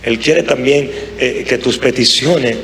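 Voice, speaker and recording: A man's voice: medium pitch, slow pace, creaky, a bit bright. A man preaching a live sermon to a congregation in an impassioned, conversational way. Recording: sermon with music behind. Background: music.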